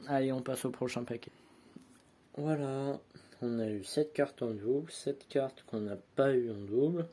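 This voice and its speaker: A man's voice: medium pitch, a little slow, dark tone. A man chatting casually to his viewers as he opens sticker packs, rambling and sorting each card aloud with self-mocking asides, filmed on a handheld phone at home. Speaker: vlogger opening sticker packs. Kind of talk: casual unboxing chat. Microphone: handheld phone camera, no tripod.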